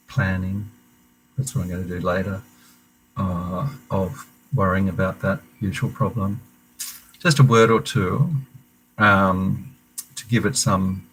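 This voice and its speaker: A man leading an online meditation class, speaking gently and haltingly, with many fillers and restarts. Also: deep voice, slight background noise, poor audio. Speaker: meditation teacher. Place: room at a meditation centre.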